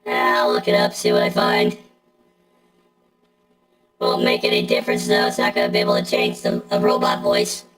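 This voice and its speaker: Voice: a bass voice, monotone, moderate pace, long pauses. A middle-aged game streamer talking through a robot voice effect, chatting casually and answering viewers bluntly. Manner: blunt, talks back to chat. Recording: echoey room with game music.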